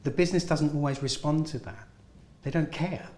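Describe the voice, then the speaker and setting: Speaking with a slightly high yet darkish voice, this man keeps a steady tone and a brisk pace. He's a guest actor giving heartfelt, encouraging advice during a relaxed interview in a film studio at a school event, captured in a roomy, echoey space.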